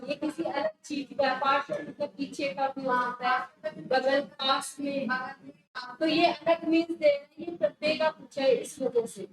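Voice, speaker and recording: A woman's voice: high-pitched, expressive, a little slow, faint music behind. A woman teacher going over exam questions with her students, firmly correcting mistakes and repeating key words. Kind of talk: exam prep lesson going over a test. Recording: echoey room with faint noise.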